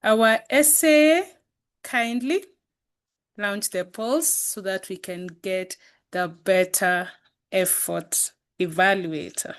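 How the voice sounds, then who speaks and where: Woman, meeting host on a video call; unhurried, mid-pitched, preachy and reflective. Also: clean tone. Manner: earnest, exhortative, rhetorical questions.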